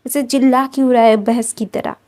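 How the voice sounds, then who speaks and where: A woman voicing a sharp-tongued middle-aged mother who scolds and dismisses others. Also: on the high side, steady tone, fairly quick, lightly acted. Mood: scolding.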